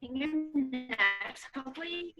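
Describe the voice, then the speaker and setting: A woman on a group video call whose connection keeps breaking up, so her words come out halting and drawn out between dropouts. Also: high voice, lively intonation, sharp tone, highs cut off, faint music behind. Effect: choppy, breaking-up call audio. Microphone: remote video call connection. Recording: distant, choppy video call audio.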